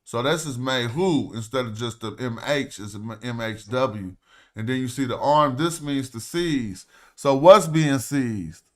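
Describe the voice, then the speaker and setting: A man's voice: mid-range voice, measured pace. A man hosting a casual livestream, talking loosely and thinking aloud as he walks through ancient Egyptian words. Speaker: host. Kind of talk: casual livestream walkthrough of hieroglyph texts.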